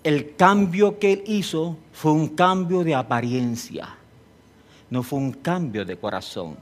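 Animated preacher, a man with a higher voice. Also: takes it slowly. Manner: animated, storytelling, rising to emphatic peaks. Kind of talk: sermon.

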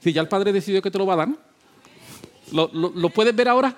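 A male pastor delivers a sermon in a somewhat high voice. He repeats his points with emphasis, rising into loud exhortation and then dropping into quiet, low talk. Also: fairly quick.

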